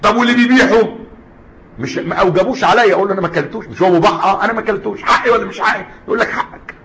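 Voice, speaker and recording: Fast-talking Egyptian man lecturing. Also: sits high, gravelly, noisy background. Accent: Egyptian Arabic. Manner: switches between classical Arabic and colloquial, asks the class questions. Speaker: teacher of Islamic jurisprudence. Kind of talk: classroom lecture. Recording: dull lo-fi lecture recording.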